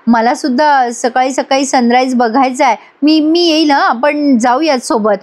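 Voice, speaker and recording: A woman voices a jealous young woman with a high, bright pitch. She sounds huffy and dismissive, snapping at others in a retold family drama. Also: moderate pace, close to an everyday voice. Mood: sulky. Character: sulky jealous young woman, sharp-tongued.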